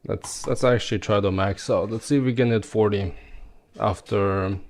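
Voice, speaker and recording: A man's voice: on the low side, steady tone, normal speed, a little mellow. A man chatting casually and informally to viewers as he streams a game. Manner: informal, swearing, addressing viewers. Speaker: live streamer, gamer. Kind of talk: casual live-stream gaming chat.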